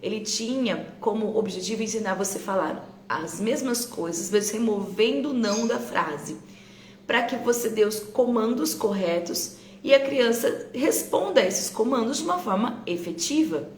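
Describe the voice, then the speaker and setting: A woman's voice: on the high side, animated, moderate pace, a little hiss or hum. A woman with a Brazilian Portuguese accent, a teacher talking to parents on a live stream, conversational and often checking in with her listeners. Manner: conversational, keeps checking in with tag questions. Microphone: phone on a live stream. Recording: roomy echo with faint ambience.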